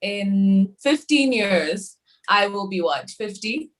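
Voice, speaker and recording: A woman's voice: mid-range voice, lively intonation, slow, rough recording. A woman in her thirties from South Africa, a bank panelist explaining savings at length on a webinar panel, with many fillers and restarts. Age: 30s.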